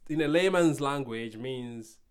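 A man's voice: medium pitch, a little slow, smooth. Hesitant young Nigerian-born man talking. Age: young adult. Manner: hesitant, many fillers, searching for words. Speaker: podcast guest. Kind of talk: casual conversation.

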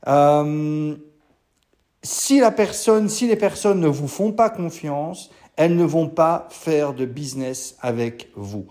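A man hosts his business podcast solo, in a relaxed, casual way. He often stops to restart his sentences and fills the gaps with hesitations. His voice sits a little high yet sounds warm and mellow. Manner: casual, many fillers and restarts. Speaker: podcast host.

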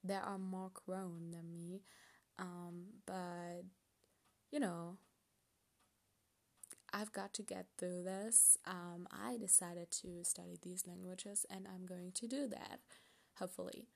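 Slow, gravelly young German woman. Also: fairly low pitch, fairly even intonation, a little mellow. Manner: hesitant, rambling, laughs often, many fillers. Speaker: podcast host. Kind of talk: casual solo podcast talk.

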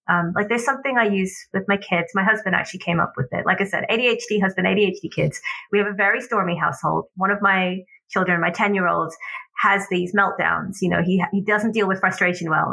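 A woman's voice: medium pitch, vocal fry, sharp tone, rough recording. A woman, a guest on a talk show, chatting casually about parenting and acting out family exchanges with frequent laughs. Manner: acts out family exchanges in quick changes of voice; laughs often while telling stories. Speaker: podcast guest. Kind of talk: casual conversation.

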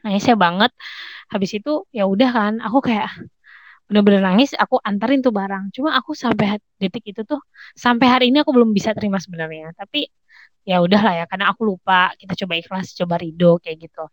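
A young woman, a podcast guest, telling a personal story in a chatty, expressive, slangy way, full of fillers. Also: mid-range voice, fast talker, dry recording, poor audio. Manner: slangy informal speech.

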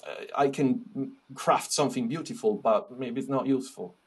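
A man from Italy with an Italian accent, speaking as a podcast guest in a relaxed interview, with frequent restarts and fillers. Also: medium pitch, slightly rough. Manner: halting, with many restarts and fillers. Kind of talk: casual interview chat.

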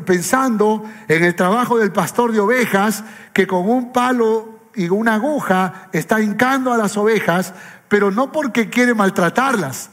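A male pastor preaching a sermon with impassioned, repetitive phrasing. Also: sits high. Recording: echoey hall with faint music.

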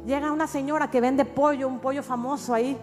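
A middle-aged woman pastor with a Mexican accent, telling a testimony in a sermon with animated storytelling that rises at times to shouts. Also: high voice, fairly quick. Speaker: pastor and prophet. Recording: reverberant hall with faint music.

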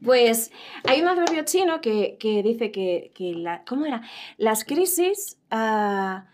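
A woman hosting a casual interview chat, lively and quick to laugh and exclaim. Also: on the high side, a little hiss or hum. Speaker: host.

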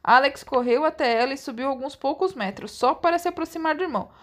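A woman's voice: high voice, fast talker, fairly bright tone. A woman reading a children's book aloud in a casual, giggly, playful way. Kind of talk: casual read-aloud narration with banter.

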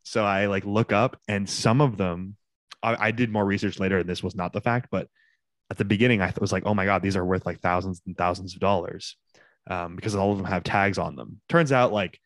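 A man's voice: low-pitched, fairly even intonation, brisk, dry recording. A young man co-hosting a podcast, chatting in an informal, rambling way. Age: young adult. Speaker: podcast co-host. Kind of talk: casual podcast chat.

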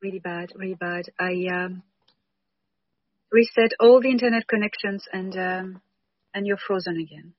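A woman's voice: medium pitch, fairly even intonation, no room sound. Woman on a bad video call. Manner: hesitant, many filler pauses. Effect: breaking-up video call connection. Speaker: guest on a live stream. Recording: dull lo-fi internet call audio.

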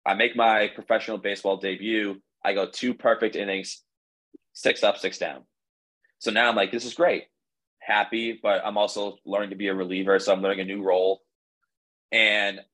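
Low-voiced young man telling a rambling story. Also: level tone, normal speed, a bit bright, low-quality recording. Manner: rambling, filled with "like" and restarts. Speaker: podcast guest, baseball pitcher. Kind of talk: casual storytelling.

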